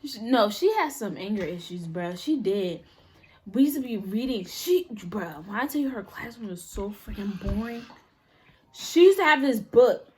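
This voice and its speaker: A young woman in casual chat, telling school stories in an animated way and acting out the people she quotes. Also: mid-range voice, normal speed, husky. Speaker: storyteller.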